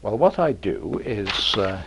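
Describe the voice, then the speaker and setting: A man giving an informal university math lecture, pausing often with ums and uhs and adding dry humor. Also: on the low side, sing-song, background noise. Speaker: mathematics professor lecturing. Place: lecture room with audience.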